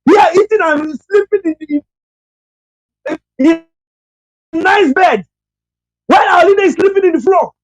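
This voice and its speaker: A woman's voice: very high-pitched, unhurried, long pauses, dry recording, rough recording. A woman calling in to a radio show, speaking with passion and repeating her points. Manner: impassioned and repetitive, rising to shouts. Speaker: caller. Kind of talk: call-in radio speech.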